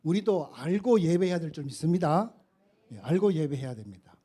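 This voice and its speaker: A man's voice: fairly high pitch, lively intonation, brisk, mellow, slightly rough. A male pastor preaching a sermon in a church, retelling scripture as a story with acted dialogue.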